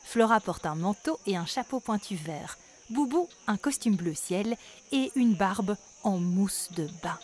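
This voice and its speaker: A woman narrating a children's story in a lively, expressive way. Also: medium pitch, measured pace, a little hiss or hum.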